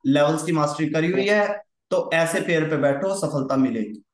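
A man's voice: on the high side, moderate pace, roomy sound. A man teaching trading charts in a casual lesson, repeating himself and often checking that his listener follows. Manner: repetitive, coaxing, keeps checking understanding.

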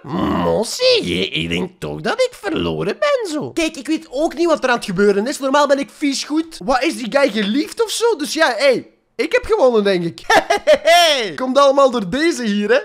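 A young Flemish man, a bit sick, joking and shouting through his gaming commentary. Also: very high voice, normal speed, creaky. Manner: joking, excitable, shouts during fights. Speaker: gaming YouTuber.

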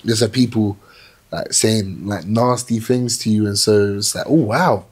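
A young man talking as a podcast guest in a small indoor studio, reflective and animated, telling his story with restarts. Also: fairly low pitch, unhurried, husky. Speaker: plus-size model, podcast guest. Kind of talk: casual interview chat.

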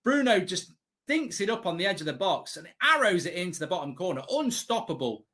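A man's voice: high-pitched, big pitch swings, a little fast, sharp tone. A middle-aged man hosting a live football watchalong, commenting as a blunt, exasperated, sweary fan. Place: indoor streaming studio.

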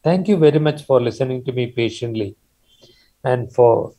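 An older man speaks with a Malayalam accent in a mellow, mid-pitched voice. He is giving an earnest, formal keynote address, recorded through a video call microphone. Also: normal speed. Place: indoor room on video call.

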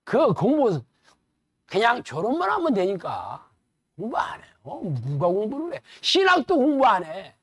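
A male pastor delivers a lively, colloquial sermon, peppered with rhetorical questions. His voice sits at a middle pitch. The recording is dry and close. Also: normal speed, dry recording. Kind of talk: sermon lecture.

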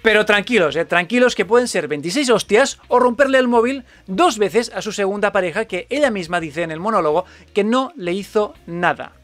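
A man's voice: sits high, animated, brisk, few pauses, a bit bright, no room sound. A man delivering a sarcastic, scripted video commentary. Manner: sarcastic, mock-questioning. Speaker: YouTube commentator.

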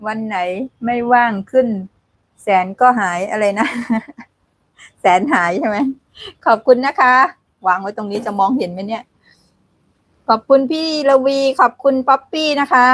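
A woman's voice: a little high, a bit bright, dry recording. A woman hosting a casual live cooking stream from a home kitchen, chatting, laughing and thanking viewers as she cooks. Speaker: cooking livestream host.

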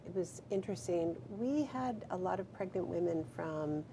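Middle-aged woman interviewer, gravelly and dark-toned; attentive, affirming. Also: lowish voice, lively intonation, moderate pace. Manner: attentive, frequent affirming murmurs. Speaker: health system CEO, interviewer. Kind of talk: live video Q&A interviewer. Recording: faint background noise.

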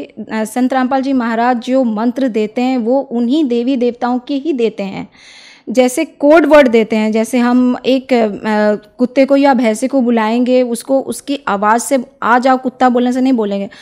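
A young woman from Odisha, giving an earnest, persuasive testimony as an interview guest and often pausing on filler sounds. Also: fairly high pitch, a little mellow. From Odisha, India. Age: young adult.

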